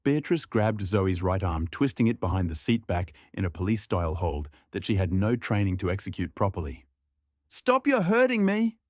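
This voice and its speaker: A man narrating a dramatic story in a steady, measured scripted delivery. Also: low-pitched, dry recording, clean studio sound.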